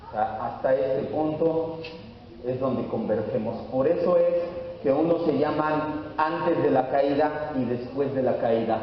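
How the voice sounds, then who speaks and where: A man's voice: medium pitch, unhurried. A male pastor from Mexico giving a teaching sermon, asking his congregation questions as he explains. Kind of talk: sermon lesson at a whiteboard. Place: church hall. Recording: echoey hall, far from the mic, dull.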